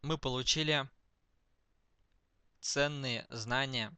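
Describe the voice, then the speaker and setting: Man, slow dictation, bright forceful voice, dry close sound, punctuation spoken aloud. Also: mid-range voice, steady tone, clear, resonant tone, no echo. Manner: speaks punctuation marks aloud, word by word. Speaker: dictation demonstrator. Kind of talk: slow dictation to speech-to-text.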